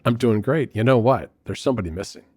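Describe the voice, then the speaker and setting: A man co-hosting a casual podcast chat, relaxed and wry, talking from a quiet room into a studio mic. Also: medium pitch, quick pace, husky, soft background music. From United States. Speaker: podcast co-host.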